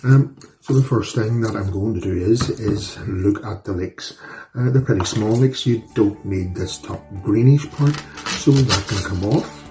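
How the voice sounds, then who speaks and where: With music in the background, a Northern Irish man hosts a casual cooking demonstration from his home kitchen. His lowish voice moves a little slowly, and his manner is chatty, folksy and self-deprecating.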